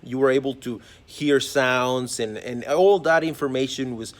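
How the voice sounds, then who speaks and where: An earnest man of mid-range pitch speaks in a reflective spiritual monologue. He muses aloud, circling back and restarting phrases as he goes. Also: measured pace. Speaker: holistic vlogger.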